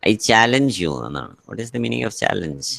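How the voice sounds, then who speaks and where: A low-pitched man with a Malayali English accent and Malayalam as his mother tongue, lecturing an online English class at a very fast clip. He switches between English and Malayalam, restating and translating lines, and asks his students questions. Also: sing-song, gravelly, bright, forceful tone. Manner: frequent fillers and restarts while explaining. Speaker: English teacher.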